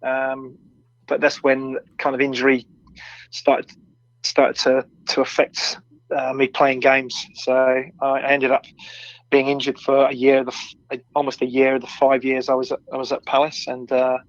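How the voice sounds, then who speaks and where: A man's voice: mid-range voice, completely flat delivery, unhurried, no echo. A middle-aged man reminisces in a casual interview with little rise and fall in his voice. He is hesitant, repeating words as he goes. The sound is dry and slightly dull, like a lo-fi internet call. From born in Swansea, brought up around Reading, England. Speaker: former professional footballer, interview guest. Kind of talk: recalling career in casual interview. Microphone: audio-only online call.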